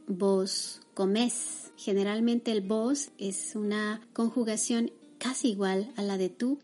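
A woman hosting a language-learning podcast, teaching a grammar lesson in a scripted, measured way and saying example words slowly and carefully. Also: mid-range voice, mellow. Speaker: podcast host and Spanish teacher.

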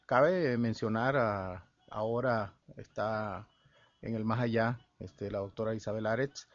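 Halting man from El Salvador on radio. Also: lowish voice, no echo. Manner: halting, with many fillers and restarts. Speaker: guest musician and researcher. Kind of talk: radio interview conversation. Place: radio studio. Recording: dull lo-fi radio broadcast.

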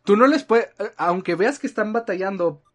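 A man with a Mexican accent in a relaxed, casual chat. He rambles and leans on filler words. His sentences often fade out softly at the end. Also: high-pitched, moderate pace. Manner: rambling, frequent filler "este", trailing off softly.

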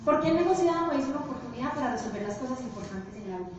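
High-voiced woman in an echoey hall. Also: very fast, slight background noise. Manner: animated storytelling to an audience. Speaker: business presenter. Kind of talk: motivational presentation. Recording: echoey hall, distant, dull.

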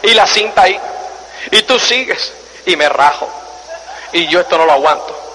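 Man, motivational speaker, high voice, acts out stories, faint background noise. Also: moderate pace. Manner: animated storytelling, acts out scenes and voices; repeats phrases for emphasis, asks the audience questions. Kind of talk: motivational talk to an audience. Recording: long hall reverb, faint noise.

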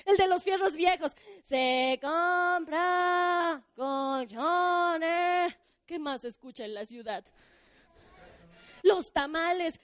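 Lively high-voiced storyteller. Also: female voice, no echo, clean studio sound. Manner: animated, addresses the audience, asks questions. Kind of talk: live children's story reading. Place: bookstore.

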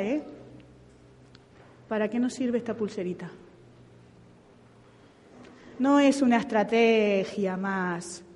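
A woman preaching a sermon, telling stories and acting out other people's voices in an animated way. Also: a little high. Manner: animated storytelling with impersonated voices. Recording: long hall reverb.

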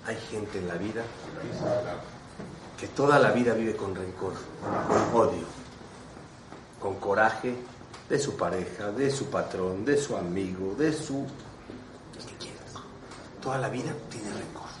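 A man preaches as a rabbi, telling animated stories and asking his listeners questions. His voice comes from some distance away in a roomy, echoing space. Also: lowish voice, unhurried, long pauses, very noisy. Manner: animated, storytelling, asks the audience questions. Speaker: rabbi teaching a class. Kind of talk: sermon with stories and rhetorical questions. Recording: echoey room, mic at a distance.

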